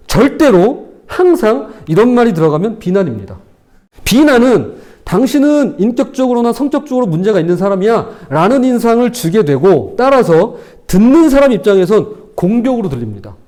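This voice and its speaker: A man's voice: very high-pitched, very animated, moderate pace, darkish tone. A male pastor preaching a sermon, animatedly acting out quarrelling spouses as examples.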